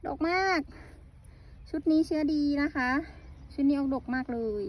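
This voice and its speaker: A woman's voice: high-pitched, steady tone, moderate pace, slight background noise. A woman mushroom farmer chatting casually in a vlog, explaining tips and exclaiming over her harvest outdoors in the hot sun. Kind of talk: casual farm vlog talk.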